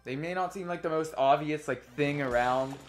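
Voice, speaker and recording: A man's voice: fairly high pitch, normal speed. A young man giving casual, informal, rambling gameplay commentary as the host of a let's play. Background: game music.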